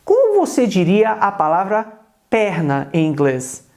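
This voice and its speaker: Um homem jovem do Brasil, com sotaque brasileiro, dá uma aula em vídeo de pronúncia inglesa e repete devagar cada palavra de exemplo. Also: male voice, high voice, wildly swooping pitch, gravelly, a little mellow. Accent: Brazilian Portuguese. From Brazil. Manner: repeats example words slowly and deliberately. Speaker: English teacher. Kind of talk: video lesson on English pronunciation.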